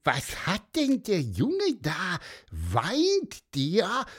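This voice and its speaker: A man voicing a cheerful little male bird in a children's story, with a squeaky, chirping voice. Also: wildly swooping pitch, drawn-out words, slightly rough, heavily acted. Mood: curious.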